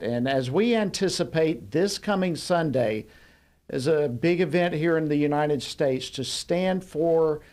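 A man's voice: on the high side, a little mellow. A man in his sixties hosting a talk show from a studio, courteous and polished in his delivery. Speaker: host. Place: TV studio, indoors. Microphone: desk microphone.

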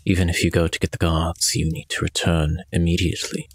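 A man playing a tabletop game, speaking in character in a measured, formal, quietly menacing way. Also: low-pitched, completely flat delivery, dry recording. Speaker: player. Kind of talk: in-character tabletop role-play.

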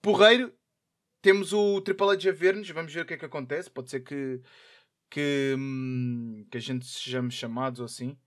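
A young man with a European Portuguese accent giving excitable, trash-talking commentary while playing a wrestling game. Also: mid-range voice, moderate pace. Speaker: gaming YouTuber. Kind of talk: live gameplay commentary.

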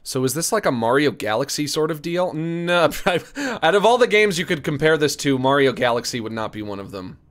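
Playful man with lively, higher-pitched voice. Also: moderate pace, hardly any pauses. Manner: playful, silly, repeats phrases in a singsong. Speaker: video game streamer. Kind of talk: casual gaming commentary.

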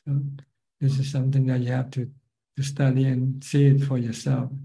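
An older Buddhist monk with a Thai accent, calmly explaining Dharma on a video call. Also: male voice, medium pitch, vocal fry, low-quality recording. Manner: calm, measured, plain explanations. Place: plain room, seated in office chair.

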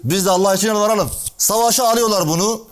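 A male preacher with a fairly high voice tells a religious story to a small gathering. He acts out the characters' lines with lively shifts in pitch and turns now and then to speak to listeners by name. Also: quick pace. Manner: animated storytelling, acting out dialogue with shifting pitch; addresses listeners directly by name.

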